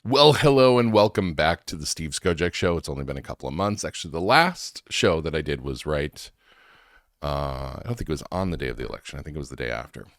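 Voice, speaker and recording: A man with a deep voice talks casually as a commentary show host. He sounds slightly wheezy and congested from allergies, informal and conversational, recorded dry with very little room sound. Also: expressive, brisk, a bit bright, no echo.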